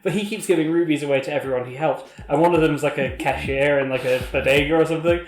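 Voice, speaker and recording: A man's voice: on the high side, fast. A man in casual chat with his brother about a film, laid-back and amused. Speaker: host's brother, guest. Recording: echoey room with music underneath. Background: music.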